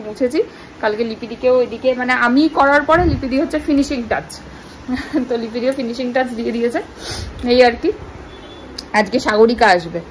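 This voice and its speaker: A woman's voice: fairly high pitch, slight background noise, low-quality recording. Chatty mother vlogging her day. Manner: chatty, talks to viewers while doing chores. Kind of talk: casual daily-life vlog narration.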